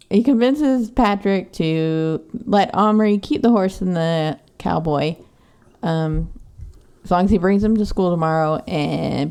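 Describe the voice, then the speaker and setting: A woman's voice: lowish voice, dark tone, clear, resonant tone. Sarcastic woman recapping a book. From Texas. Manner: profane, sarcastic. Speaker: podcast co-host.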